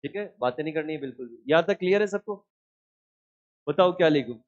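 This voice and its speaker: A man teaching a biology class in a lively lecture style, often asking questions and answering them himself. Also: a little high, fast, highs cut off. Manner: scolds inattentive students.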